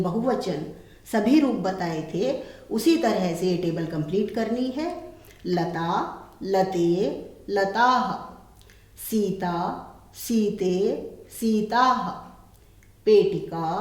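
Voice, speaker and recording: A woman teacher explains a textbook lesson at an unhurried pace, repeating each word form clearly. Her voice sits at a middle pitch and rings in an echoey room. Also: darkish tone. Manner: slow, deliberate, repeats word forms one by one. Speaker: Sanskrit teacher.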